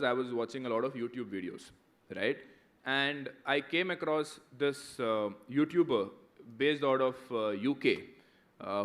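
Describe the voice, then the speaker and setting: A man in his thirties with an Indian English accent, a guest speaker answering students, gives a conversational motivational talk, often checking in with "right?". His voice is medium-pitched with a fairly bright tone.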